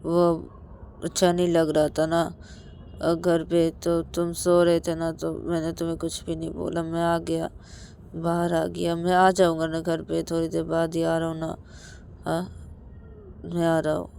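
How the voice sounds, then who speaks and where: A woman's voice: deep voice, completely flat delivery, measured pace, vocal fry, dark tone, slight background noise. A woman voicing a drunk young man who stammers and pleads that he has changed. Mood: pleading.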